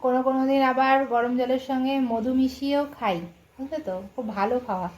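A middle-aged woman with a Bengali accent vlogs from home early in the morning, chatting softly and casually to viewers and keeping her voice low so the family can sleep. She talks quickly, and the audio is poor.

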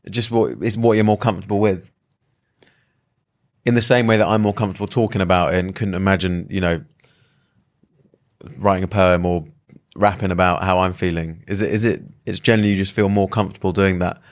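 A man's voice: sits low, fairly even intonation, fairly quick, pauses often. A man hosting a podcast, chatting casually and agreeably, with plenty of filler words. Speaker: podcast host. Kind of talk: casual conversational interview.

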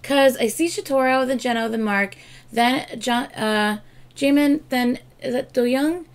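Slightly slow and high-pitched, this hoarse woman in her thirties still sounds thrilled, chatting with laughs and exclamations. She makes K-pop reaction videos from her desk at home, filmed by webcam in a room with shelved albums and collectibles.

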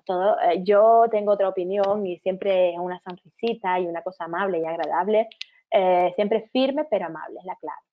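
A woman with a Canarian Spanish accent, in her thirties, giving an online lecture to teachers and parents, breaking into warm, sing-song quotes of how to talk to children. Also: medium pitch. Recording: tinny phone-like sound.

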